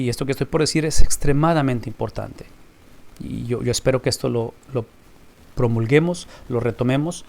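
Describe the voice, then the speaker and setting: A man's voice: medium pitch, darkish tone. A man teaching a recorded Bible class, emphatic and fond of rhetorical questions he answers himself.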